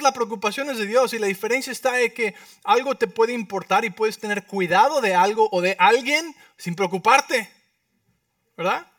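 A man preaching a sermon as pastor, lively, often asking the congregation questions. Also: sits high, no room sound. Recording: dry sound, mic at a distance.

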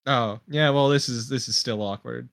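A man's voice: medium pitch, normal speed, creaky, a bit bright. A man playing in a tabletop game, blunt and joking, swearing casually. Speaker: player.

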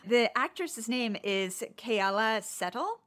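A woman's voice: fairly high pitch, lively intonation, slow, fairly bright tone. A woman co-hosting a podcast, chatting casually about a TV show with rambling, self-deprecating asides. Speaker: podcast co-host.

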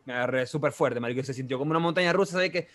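Talking very fast in a mid-range voice, this Venezuelan-accented man in his twenties spins an animated story during casual conversation, peppering it with slang and sound effects.

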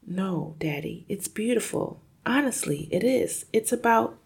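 A woman voicing a polite, clever little girl in a storybook reading, speaking pleasantly and high. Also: animated, a little slow, creaky, breathy edge, heavily acted. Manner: pleasant, sweet.

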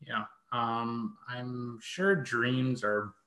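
A woman co-hosts a casual podcast and chimes in with dry, joking asides. Her voice sits unusually deep for a woman. The room around her is echoey. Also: steady tone, drawn-out words, fairly bright tone. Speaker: podcast co-host.

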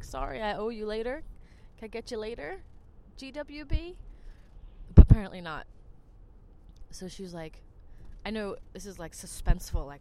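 Her voice is medium in pitch with a dark tone, and there's a little background noise. She's a podcast host from New Jersey telling rambling stories in a chatty monologue full of "like".

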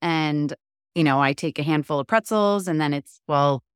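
Low-voiced chatty woman podcast host. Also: smooth, no echo, clean studio sound. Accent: New York. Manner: chatty and open, quick asides. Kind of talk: casual interview chat.

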